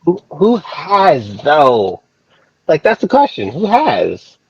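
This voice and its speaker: A man's voice: a little high, wildly swooping pitch, slow pace, a little hiss or hum. A man co-hosting a casual wrestling chat, laid-back and profane, heard through a thin, distant-sounding headset phone line. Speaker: podcast co-host. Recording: dull lo-fi phone-line audio.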